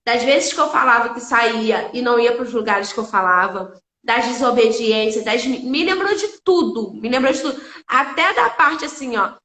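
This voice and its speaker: A woman's voice: fairly high pitch, a bit bright, echoey room. A woman giving an earnest, emotional faith testimony on a live stream, repeating phrases for emphasis.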